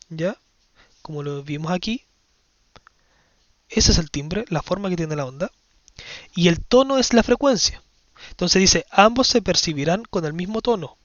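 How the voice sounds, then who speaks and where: A man with a fairly high voice explains physics to his class, step by step, checking that students follow. The recording is dry and a little dull. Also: no room sound. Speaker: science teacher. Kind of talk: physics lesson explaining exam questions.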